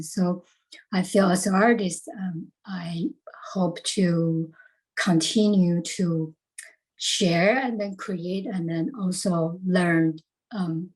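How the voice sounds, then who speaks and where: Husky woman from Taiwan, halting. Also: fairly low pitch, darkish tone, rough recording. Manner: halting, many fillers and restarts. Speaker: panelist artist. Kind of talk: panel discussion.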